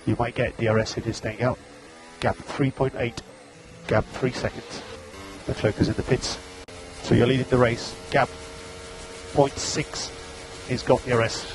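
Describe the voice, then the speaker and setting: A man's voice: medium pitch, little pitch movement, moderate pace, pauses often. Man giving terse pit radio calls. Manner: clipped, repetitive gap and status calls. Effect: team radio transmission. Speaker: race engineer. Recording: noisy radio link with engine noise.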